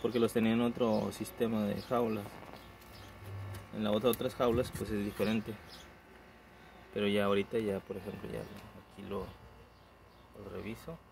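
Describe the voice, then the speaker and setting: A man's voice: on the low side, moderate pace, creaky, pauses often. A man chatting casually in a vlog about raising rabbits, speaking on a phone camera outdoors by his hutches. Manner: chatty and relaxed, coos softly to baby rabbits. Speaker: rabbit breeder vlogger. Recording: noisy outdoor phone recording.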